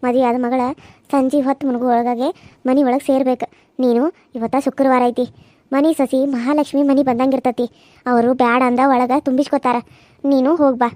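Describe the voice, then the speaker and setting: A woman's voice: high voice, flat delivery, a little fast, darkish tone, no room sound, natural voice. A woman voicing a caring village mother in a cartoon serial, giving fussy, motherly advice with a North Karnataka Kannada accent. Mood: advising. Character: middle-aged village mother, caring and advising.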